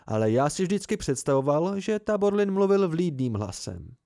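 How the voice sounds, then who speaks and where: An earnest young student, polite and sincere, as a male reader voices him. Slightly higher than the reader's own mellow tone, with a dry close sound. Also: sing-song, no echo.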